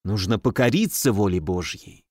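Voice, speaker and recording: A man reading the part of a hypocritical young nobleman, falsely tender and measured. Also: lowish voice, expressive, darkish tone, no room sound, studio quality, pitched below the performer's own voice. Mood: feigned tender.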